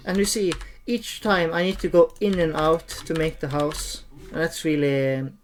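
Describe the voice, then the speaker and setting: A streamer giving an unscripted, hesitant gameplay tutorial, often pausing and repeating phrases. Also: medium pitch, steady tone, slight background noise. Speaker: streamer and game tutorial host.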